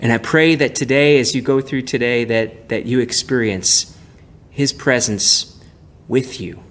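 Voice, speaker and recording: A male pastor giving a gentle, prayerful devotional message with frequent restarts. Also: medium pitch, a little slow. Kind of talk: devotional sermon.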